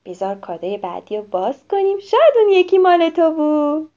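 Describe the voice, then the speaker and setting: A woman's voice: high voice, sing-song, pitched above the performer's own voice. A woman voicing an eager, generous little child who squeals with delight. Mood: excited. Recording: slightly dull lo-fi recording.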